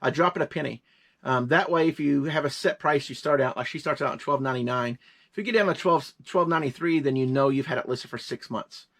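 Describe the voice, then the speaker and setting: Casting note: man, fifties, co-host of a reselling show, quick and rambling, jokes a lot, casual delivery. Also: mid-range voice, a bit bright. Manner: rambling, joking, quick-talking. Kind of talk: casual chat.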